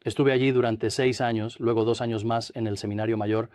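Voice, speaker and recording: An older man from New Jersey, a priest and interview guest, recounting his life in a measured, reflective way. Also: medium pitch, steady tone, darkish tone, no room sound. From Trenton, New Jersey, USA. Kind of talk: studio interview, dubbed.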